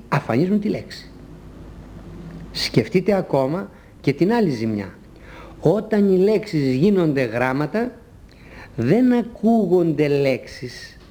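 A man giving a measured, didactic scripted talk on correct usage, spelling out letters as a language teacher. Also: a little high, mellow.

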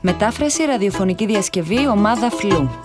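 Brief: woman narrator for a children's radio tale, animated, music under. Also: mid-range voice. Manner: lively storytelling.

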